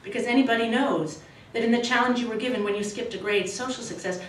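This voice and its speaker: A novelist who grew up in Australia, Canada and the States gives a careful, expressive reading at a podium in a small indoor event room with a red curtain, then takes casual questions, halting and correcting herself. Her fairly high voice is captured by a podium microphone from a far camera, distant in a roomy hall with faint hiss.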